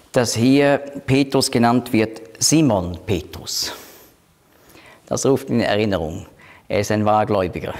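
A man leading a Bible study, explaining scripture slowly and quoting verses aloud. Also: a little mellow. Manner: slow, explanatory, quotes scripture in a lowered voice; switches between teaching and group discussion. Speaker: Bible teacher.

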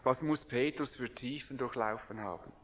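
A man preaching a sermon in an earnest manner, sometimes dropping to a hushed voice. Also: medium pitch, moderate pace, long reverb tail.

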